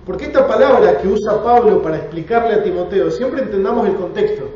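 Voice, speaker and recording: A man's voice: sits high, expressive, brisk, warm tone. Argentine man teaching in an echoey church hall. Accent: Rioplatense Spanish. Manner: earnest, conversational, asks the class questions. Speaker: Bible class teacher. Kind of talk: church class lecture with opening prayer. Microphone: room recording from a distance. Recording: very echoey dull hall recording, distant.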